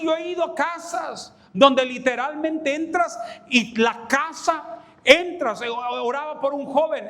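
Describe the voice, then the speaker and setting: High-voiced passionate man preaching. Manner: passionate preaching, acting out quoted voices, bursts of shouting. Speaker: pastor. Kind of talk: sermon.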